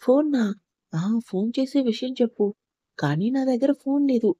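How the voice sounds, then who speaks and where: A nervous young wife from a storybook reading, timid with a tart edge when she grumbles, as a woman narrator reads her. The voice is mellow and rather high, recorded close and dry. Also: expressive, moderate pace, dry recording, dull audio.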